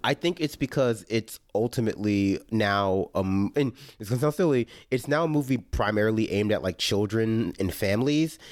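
A young man with a lowish voice hosts a casual podcast chat. He talks loosely, drops in constant fillers and breaks into animated asides. The sound is dry and close. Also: normal speed, hardly any pauses, no echo. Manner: filler-heavy, animated, laughing impressions. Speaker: podcast host.

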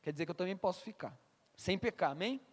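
Pastor, male, high voice, preaching sermon, asks the room questions, long church reverb. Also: expressive, fast. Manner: stammers on restarts, asks the congregation questions.

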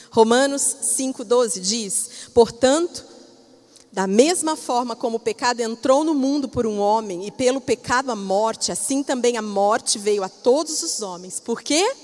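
Brazilian woman pastor preaching in a reverberant hall. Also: on the high side. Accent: Brazilian Portuguese. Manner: expressive preaching, swinging between loud emphasis and soft near-whispers. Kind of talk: sermon. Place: church.

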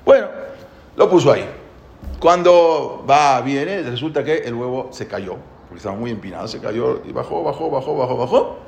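A man telling a parable in an animated way, emphatic and repetitive, often restarting his sentences. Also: medium pitch, normal speed, creaky, a little hiss or hum. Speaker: guest telling a religious parable. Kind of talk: animated storytelling. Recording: echoey room.

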